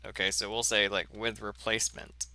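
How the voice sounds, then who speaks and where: A man teaching a math lesson in a slow, halting way, full of fillers and self-corrections. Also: fairly low pitch, flat delivery, sharp tone, no room sound. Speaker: math instructor. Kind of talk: recorded lecture.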